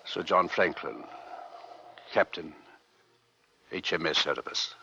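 An actor playing a weary, stoic sea captain stranded on Arctic ice, speaking in slow, clipped, grim phrases in old-time radio drama style. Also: male voice, sits low, gravelly, bright, forceful tone, dull audio, exaggerated voice. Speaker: ship's captain.

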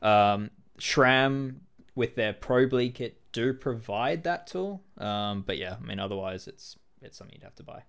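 A man's voice: medium pitch, lively intonation, a little slow, gravelly, fairly bright tone. A man co-hosting a podcast, chatting casually and thoughtfully, with lots of "um" fillers. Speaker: podcast co-host.

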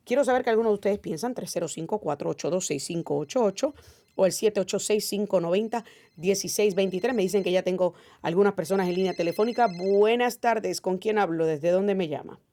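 A woman's voice: mid-range voice, fairly quick, mellow. A woman hosting a call-in political talk radio show, speaking in an opinionated, emphatic way with frequent "eh" fillers.

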